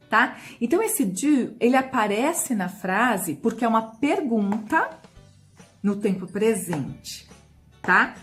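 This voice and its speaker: A woman with a Brazilian Portuguese accent teaching English grammar, slowing right down to model the English phrases and checking in often with short asides to the viewer. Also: a little high. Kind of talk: explaining a grammar lesson.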